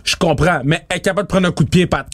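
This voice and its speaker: A man with a Quebec French accent co-hosting a wrestling podcast, chatty and excitable in casual chat. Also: fairly high pitch, very fast, no room sound, studio quality.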